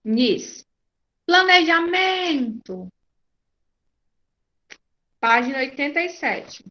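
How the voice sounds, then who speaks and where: A Brazilian woman teacher giving an online class, patient and checking often that her students follow. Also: a little high. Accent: Brazilian Portuguese. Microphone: video call. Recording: muffled lo-fi video call audio.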